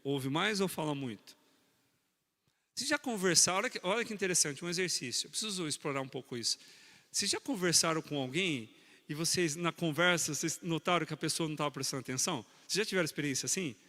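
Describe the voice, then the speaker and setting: A man preaching a sermon on marriage, animated, teasing his congregation and speaking to them directly. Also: a little high, long reverb tail.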